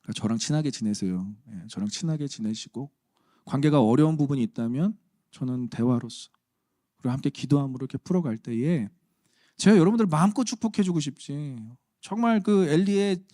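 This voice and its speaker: A man's voice: fairly high pitch, a little fast, dark tone, dry recording, studio quality. A man preaching a sermon as pastor, conversational and humorous with emphatic turns. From Chungcheong region, Korea.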